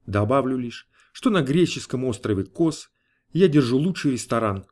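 Male audiobook narrator, measured and even, mid-pitched. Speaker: audiobook reader. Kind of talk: scripted narration.

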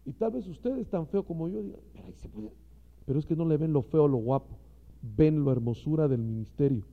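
Gravelly-voiced man preaching with passion. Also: on the high side, a little fast, in a large hall. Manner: impassioned preaching, talks straight to the listener. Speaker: pastor. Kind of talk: sermon to ministers. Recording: dull lo-fi recording.

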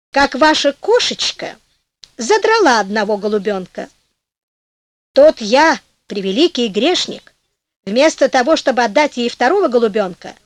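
Storybook trickster: a wheedling, falsely meek peasant man with a high, sing-song voice, done by a woman. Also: no echo. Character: sly flattering peasant rogue, man.

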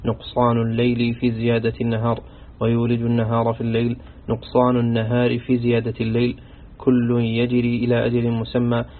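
A man reading aloud from a classical Quran commentary in a steady, scholarly recitation, going through quoted sayings one after another. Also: mid-range voice, brisk. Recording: tinny phone-like audio with faint hiss.

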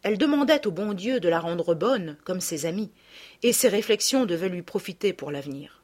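A woman reading a classic children's story aloud with expressive, animated narration. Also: fairly low pitch, normal speed. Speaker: audiobook reader.

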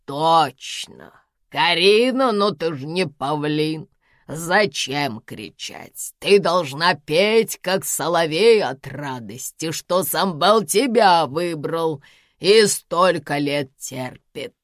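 A woman reading an audiobook, voicing a domineering elderly woman of eighty-two who scolds in slow, drawn-out, commanding phrases. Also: low-pitched, expressive, no room sound, clean studio sound. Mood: scolding, domineering. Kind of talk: audiobook character voice.

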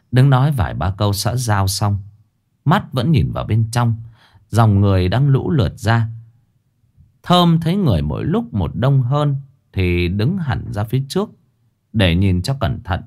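A man's voice: on the low side, darkish tone. A man narrating a ghost story with dramatic, scripted delivery.

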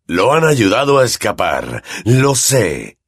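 A man voicing a bitter, furious middle-aged male professor who speaks slowly and seethes. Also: on the low side, wildly swooping pitch, breathy edge, no echo, clean studio sound, full character voice. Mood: seething. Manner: slow, seething, shouting.

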